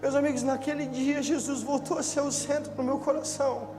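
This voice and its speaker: A young man with a Brazilian Portuguese accent, a pastor preaching a sermon who moves from loud exhortation to quiet, personal storytelling. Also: very high voice, flat delivery, brisk. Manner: preaches loudly at first, then tells a story in a quiet, intimate voice. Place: church hall. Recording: church hall reverb, music behind. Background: soft music.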